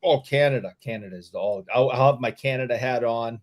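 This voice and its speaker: A man with a Boston accent chats casually among friends on a hobby show. He stumbles and circles back over his own phrases, with a medium-pitched voice and a joking, informal delivery. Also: a little fast. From Boston, United States. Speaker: hobby talk show panelist. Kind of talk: casual joking group chat.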